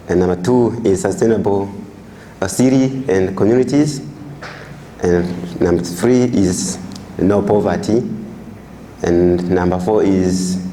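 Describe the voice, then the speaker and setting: A young man with a Burundian accent giving a halting classroom presentation as an international student, searching for words. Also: sits low, mellow, a little hiss or hum.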